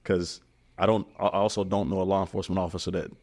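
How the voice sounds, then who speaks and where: A man's voice: sits low, level tone, fast talker, a little mellow. A man hosting a podcast, speaking in an earnest and reflective way in a casual interview. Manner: earnest, reflective, calls the guest brother. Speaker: podcast host.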